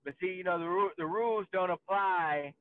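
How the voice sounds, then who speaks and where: A man co-hosting a casual podcast chat over a video call, ranting and mocking in an animated, profane way. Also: high voice, normal speed. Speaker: podcast co-host. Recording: tinny phone-like video call line with faint noise.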